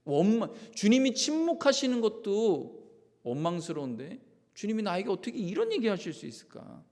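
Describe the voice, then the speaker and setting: Gravelly, animated preacher in a reverberant church. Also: male voice, high-pitched, moderate pace. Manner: emphatic, dramatic preaching that acts out the people he quotes. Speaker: pastor. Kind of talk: Sunday sermon. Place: church sanctuary. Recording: long church-hall reverb.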